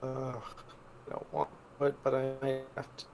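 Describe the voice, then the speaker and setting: A man's voice: mid-range voice, steady tone, a little slow, a little mellow, a little hiss or hum. A man with a robotic, glitchy voice-chat distortion, hesitantly thinking aloud as a player in a tabletop game. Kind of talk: casual game-table talk.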